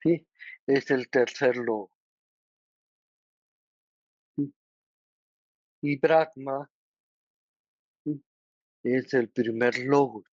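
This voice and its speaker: Slow halting man, Mexican Spanish accent. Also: mid-range voice, fairly even intonation, dry recording. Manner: checks understanding with frequent tag questions; halting, with many restarts and filler words. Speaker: study group teacher. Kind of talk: explanatory lesson. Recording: dull, lo-fi recording.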